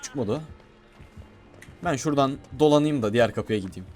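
Guy streaming a game, jumpy and loud, keeps yelling at stuff, bit of music under him. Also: mid-range voice, moderate pace. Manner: excitable, shouts and talks to himself while playing. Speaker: gaming streamer. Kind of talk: casual gameplay commentary.

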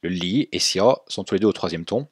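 A man teaching a language lesson, explaining clearly and slowing right down to model words for students to repeat. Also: deep voice, dry recording, clean studio sound. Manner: clear didactic explaining, slow drawn-out model pronunciations for repetition.

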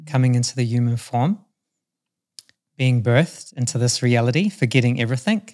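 A man's voice: mid-range voice, moderate pace, a little mellow. A man who is a guest on a podcast, talking in a laid-back, enthusiastic way with plenty of slang. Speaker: podcast guest, breathwork facilitator. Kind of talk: casual podcast chat.

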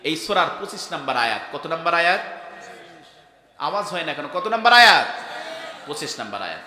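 A male preacher delivers a fiery sermon, his high, bright voice leaping up and down as he prods the crowd to call back. Soft phrases break into shouted peaks. The sound rings out over a PA with a long, echoing tail. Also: very animated, moderate pace. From Bangladesh. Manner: call-and-response, prompting the crowd to answer back. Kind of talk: fiery Islamic sermon at a gathering. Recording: echoey hall over a PA system.

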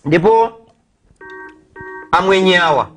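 A man's voice: high-pitched, takes it slowly, fairly bright tone, soft background music. A middle-aged Malawian man hosting a live sports phone-in show in a TV studio.

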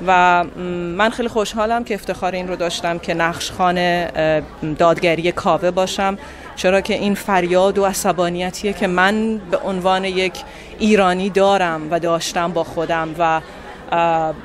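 A young adult woman with an Iranian Persian accent gives earnest, deliberate interview answers into a handheld microphone. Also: on the low side, fairly even intonation. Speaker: actress being interviewed. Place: indoor venue lobby. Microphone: handheld reporter microphone.

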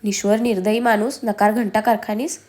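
A woman's voice: medium pitch, level tone, a little fast, darkish tone, close to an everyday voice. A woman voicing a playful, pouty young pregnant wife in a storybook, coaxing and sulky.

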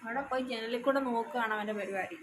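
A woman's voice: fairly high pitch, fast talker, a bit bright, slight background noise. A woman from Kerala at home indoors, talking to her dog in a coaxing, soothing baby-talk way. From Kerala, India. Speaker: dog owner vlogger. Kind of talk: casual talk to a pet dog.

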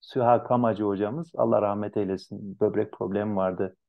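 A man teaching an Arabic translation class online, animated and lively, acting out students' complaints in a raised voice. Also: lowish voice, moderate pace, vocal fry, highs cut off. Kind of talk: online lecture.

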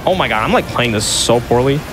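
A man's voice: mid-range voice, lively intonation, fast, poor audio. A man playing a game live, commenting casually with joking, self-deprecating exaggeration. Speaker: gamer, speedrunner playing live. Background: game music and sound effects.

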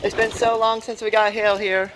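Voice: mid-range voice, little pitch movement, normal speed. Someone giving casual, exclaiming commentary on a hailstorm while filming on a handheld phone outdoors. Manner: exclaiming, repetitive. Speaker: amateur camera operator. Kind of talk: amateur storm video, casual excited commentary. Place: outdoors on a farm porch in a hailstorm. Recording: noisy phone video, loud storm ambience. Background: hail and rain noise.

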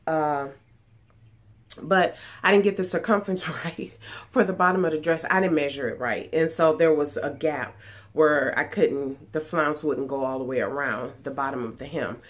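Talking at a moderate pace, this low-pitched woman sounds congested and nasal from a cold. She's a sewing vlogger rambling chattily to her desk webcam in a small home room, with plenty of ums and false starts.

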